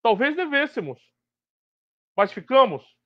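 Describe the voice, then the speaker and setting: High-pitched Brazilian man with a slight lisp. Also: very animated, a little slow, dry recording, highs cut off. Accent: Brazilian Portuguese. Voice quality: slight tongue-tied lisp. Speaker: host of a live sports betting talk stream. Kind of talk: unscripted live commentary and discussion.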